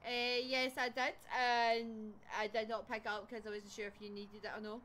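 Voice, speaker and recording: A woman's voice: a little high, little pitch movement, normal speed, fairly bright tone. A woman streaming a ghost-hunting game, chatting casually and shrieking and laughing when startled. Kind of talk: casual gaming chat.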